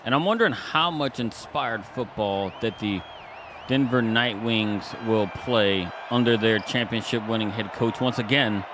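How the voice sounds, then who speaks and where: A man doing chatty color commentary for a simulated football broadcast, playful and animated, often repeating words as he talks. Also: fairly low pitch, unhurried, noisy background. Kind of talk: sports commentary.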